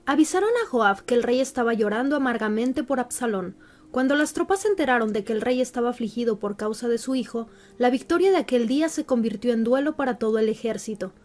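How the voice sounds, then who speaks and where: High-voiced woman reading scripture. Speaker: scripture reader. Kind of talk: scripted narration. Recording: faint background music.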